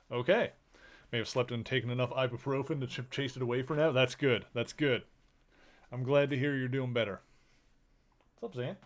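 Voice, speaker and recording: A man talks loosely while live streaming a game, wandering between thoughts. He coos affectionately to his pets. His voice sits at an ordinary middle pitch. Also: normal speed, vocal fry, a bit bright. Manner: rambling and affectionate, cooing to his pets in a baby voice.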